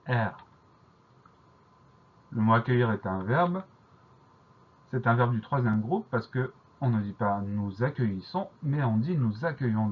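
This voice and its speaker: Husky male teacher, careful letter-by-letter spelling, dull lo-fi recording. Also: medium pitch. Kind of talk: spelling lesson.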